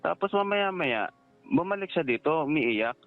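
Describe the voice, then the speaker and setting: A Filipino man in his 30s, a security guard, calls in to an advice show over a tinny phone line with faint music in the background. His voice is fairly high and expressive, and he rambles through a halting retelling full of fillers.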